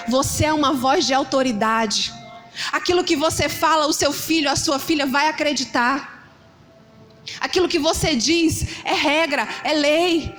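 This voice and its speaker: A middle-aged woman pastor with a Ceará Brazilian Portuguese accent delivers a sermon, her voice sitting high. She tells stories in a lively way and mimics shouting parents. Faint music plays beneath her. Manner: animated storytelling, acting out shouting parents.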